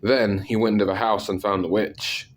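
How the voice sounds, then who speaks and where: A man with a congested, sick-sounding voice narrating scary stories, with deadpan, self-deprecating asides. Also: on the low side, normal speed, slight background noise. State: sick, clearing throat. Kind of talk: scripted story narration with casual asides.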